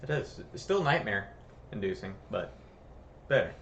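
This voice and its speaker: A man's voice: on the low side, sing-song, moderate pace, a bit bright, dull audio, slight background noise. Young man with dry joking asides. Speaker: podcast co-host. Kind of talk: casual movie commentary.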